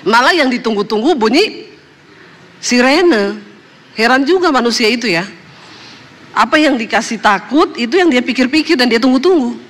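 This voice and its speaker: A woman's voice: a little high, big-room sound. A woman pastor from Indonesia preaching a sermon, telling a humorous testimony and acting out the voices of the people in it. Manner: animated storyteller, acts out voices, laughs at own jokes.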